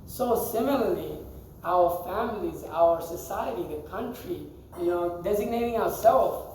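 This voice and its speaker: Teaching scripture to a group in a temple hall, this man has a high, expressive voice with a darkish tone and speaks a little slowly. A bit of hiss or hum is present, and the distant mic picks up the hall's echo. He's conversational, quizzes listeners and laughs frequently.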